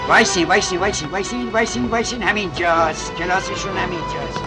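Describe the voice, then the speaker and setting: A man's voice: high voice, over loud music, natural voice, low-quality recording. A man voicing an eager, helpful young man in a dubbed film, urgent and polite. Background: loud film score.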